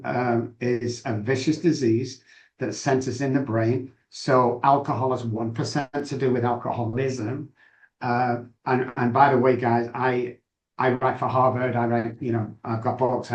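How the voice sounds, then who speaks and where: A middle-aged Englishman with a Mancunian accent and a medium-pitched voice appears as an interview guest; he is an addiction doctor. He tells his story candidly, chatty and self-assured, in a reverberant recording.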